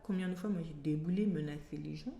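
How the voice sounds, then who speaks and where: A woman with a French accent, a guest telling lively stories in a casual interview, acting out voices and laughing often. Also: on the low side, quick pace, crowd noise. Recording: echoey room with faint background ambience.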